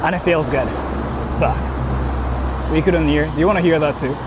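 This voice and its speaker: On a casual stream from an urban street, a man strolls along and responds to viewer comments he reads out, swearing, rambling, and second-guessing himself. His voice is on the high side at a moderate pace, and the city noise around him is clearly audible.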